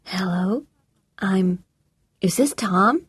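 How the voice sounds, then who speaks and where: A woman voicing a young man on the phone faking a dead man's voice, in an overdone, giggly falsetto. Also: expressive, extremely slow, breathy edge, no room sound, full character voice. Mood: teasing. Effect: phone line.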